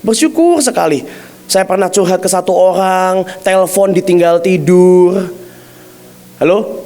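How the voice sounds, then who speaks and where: A man preaching a sermon in an animated way, swinging between loud bursts and hushed, slow phrases. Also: high-pitched.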